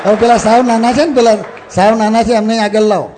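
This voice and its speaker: Religious speaker, male, high-pitched, steering an assembly through a ritual with a murmuring audience nearby. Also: steady tone, fast, a crowd in the background, noisy background. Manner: instructive, mixes English phrases into speech; directs children gently, with light laughs. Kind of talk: sermon with guided ritual. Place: stage before an audience.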